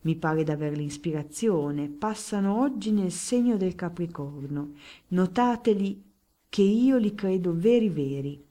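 A woman's voice: lowish voice, expressive, measured pace, dark tone. A woman voicing a sly, scheming middle-aged male priest who dodges and wheedles. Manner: evasive, wheedling.

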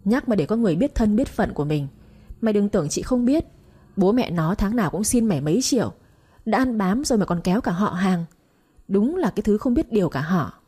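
A sharp-tongued middle-aged sister-in-law, put on by a woman narrator jabs and mocks in quick bursts that jump up high. Her voice is husky and mellow under the taunts. It is an audio storybook reading. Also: animated. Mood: scornful. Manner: mocking, scolding, quick jabs.

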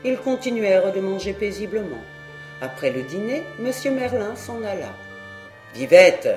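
A woman narrating a classic French tale as an audiobook, reading in an expressive, theatrical manner. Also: mid-range voice, normal speed. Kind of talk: storybook narration. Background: soft instrumental music.

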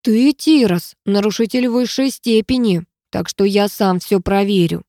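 Lady doing a snappy suspicious caretaker guy, sarcastic, loud and dry. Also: mid-range voice, a little slow, no echo, natural voice. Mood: irritated. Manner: sarcastic, barely hiding irritation. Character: irritated sarcastic male caretaker, suspicious and bossy.

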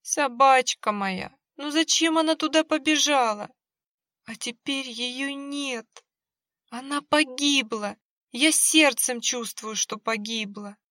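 A woman's voice: sits high, takes it slowly, sharp tone, no echo, clean studio sound, voice pushed up, full character voice. A woman voicing a plump middle-aged woman who is crying and wailing over her lost dog. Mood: sobbing. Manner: tearful, wailing.

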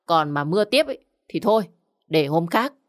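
A woman's voice: lowish voice, sing-song, moderate pace. Woman doing a scornful stingy village uncle. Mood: scolding. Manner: scornful, scolding, curt. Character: rude stingy middle-aged village man.

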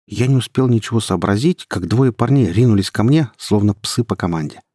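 Young male narrator, husky, lively delivery, dry close sound. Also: fairly low pitch, a little fast, dry recording. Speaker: audiobook narrator. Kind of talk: first-person story narration.

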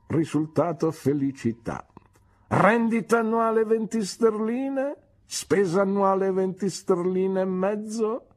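A woman's voice: mid-range voice, darkish tone, pitched above the performer's own voice. A woman voicing a pompous, declaiming middle-aged man. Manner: theatrical, declaiming, slow and emphatic. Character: pompous, grandiloquent middle-aged man, genial but ruined. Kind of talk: audiobook character reading.

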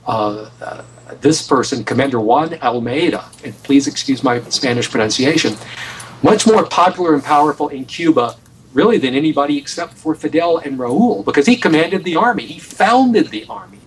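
A man's voice: a little high, expressive, moderate pace, slight background noise. American guy being interviewed, emphatic, keeps restarting phrases, sounds a little distant. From United States. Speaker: guest author on a radio show. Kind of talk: animated interview storytelling.

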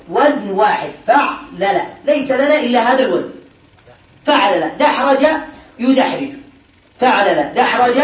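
High-voiced male teacher drilling a class. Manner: drills the class with repeated questions. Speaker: teacher of Arabic morphology. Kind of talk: classroom lecture. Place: classroom lesson. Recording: echoey room from far off, class murmur.

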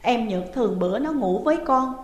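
A woman's voice: fairly high pitch, animated, normal speed, natural voice. A woman voicing a middle-aged mother who scolds and coaxes her daughter. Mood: coaxing. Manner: loud, scolding then coaxing. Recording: echoey room with long reverb.

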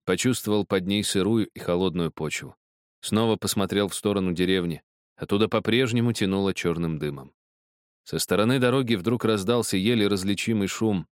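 A man reading a novel aloud as narrator, measured and expressive. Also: on the low side, clean tone, no echo, clean studio sound. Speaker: audiobook narrator. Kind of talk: scripted narration.

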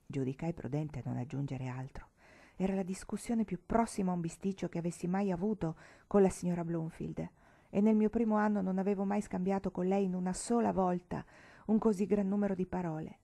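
A woman reading a classic novel aloud as an audiobook, narrating in first person in a measured, expressive way. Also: on the low side, vocal fry. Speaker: audiobook reader.

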